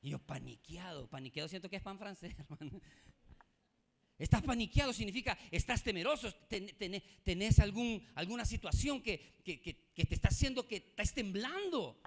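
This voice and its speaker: A man's voice: high-pitched, animated, normal speed. A male pastor from El Salvador with a Salvadoran Spanish accent, preaching a sermon in a conversational way, calling his listeners "hermano" and laughing at his own jokes. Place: church.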